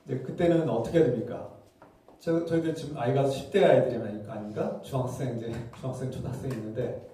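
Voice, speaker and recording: A man's voice: medium pitch, quick pace, mellow, distant mic, a little hiss or hum. A pastor in his forties giving an earnest, explaining sermon. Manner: earnest, explaining, acts out quoted scolding voices. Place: church sanctuary. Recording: very echoey church hall, voice from afar.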